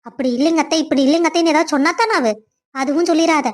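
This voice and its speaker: A woman voicing a high-pitched nagging mother-in-law. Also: rapid-fire, lightly acted. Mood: scolding. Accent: Kongu Tamil. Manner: scolding, complaining. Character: nagging middle-aged mother-in-law, demanding a grandchild. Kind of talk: cartoon family drama voice acting.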